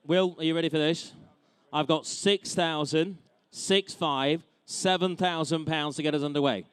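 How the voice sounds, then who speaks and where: British auctioneer, higher-pitched man's voice. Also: clear, resonant tone, dry recording. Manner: brisk, informal banter with bidders. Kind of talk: live auction calling, repeated bid chants. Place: auction saleroom with live bidders.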